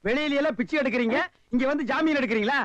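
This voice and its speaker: Whiny shrill comic beggar. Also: male voice, no room sound. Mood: lecturing. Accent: Tamil. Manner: whiny, scolding, quick comic patter. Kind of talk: Tamil film comedy acting. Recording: dull lo-fi film audio.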